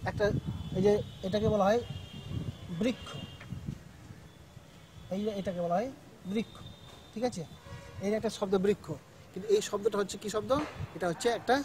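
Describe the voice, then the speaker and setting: A man's voice: high-pitched, steady tone, moderate pace, long pauses, background noise. A male school teacher, teaching a grammar lesson step by step and often checking in with his students. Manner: explains step by step, checks in with "ঠিক আছে?".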